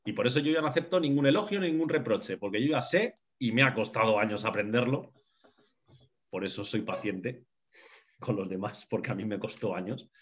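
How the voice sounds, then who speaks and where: A man's voice: on the low side, normal speed. A man giving an emphatic teaching talk to a group, repeating key phrases and often checking in with his listeners. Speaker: lecturer on the unconscious. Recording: dull lo-fi recording.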